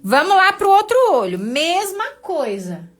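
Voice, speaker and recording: A woman's voice: extremely high pitch, sing-song, unhurried, a bit bright, faint music behind. A woman teaching a live painting class, patient and encouraging, walking her students through each step.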